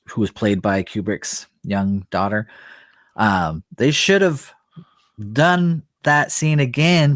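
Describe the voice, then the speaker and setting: Male podcast panelist, low voice, dry, laid-back and rambling. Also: dry recording. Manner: relaxed, rambling remarks with you know and trailing thoughts. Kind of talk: casual podcast chat.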